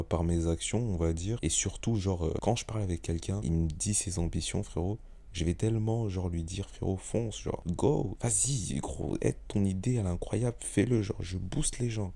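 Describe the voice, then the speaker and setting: Very deep, gravelly young man rambling casually. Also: dark tone. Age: young adult. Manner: slangy, rambling, repeats himself. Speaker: vlogger. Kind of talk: casual unscripted monologue.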